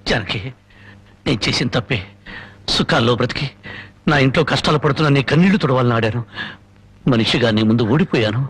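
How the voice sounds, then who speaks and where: A man's voice: medium pitch, fast, long pauses, slightly rough. An actor playing a remorseful gambling husband who pleads with his wife in grief, in a film drama. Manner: pleading, repeatedly calling his wife's name. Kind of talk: Telugu film drama acting. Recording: film soundtrack with loud music behind.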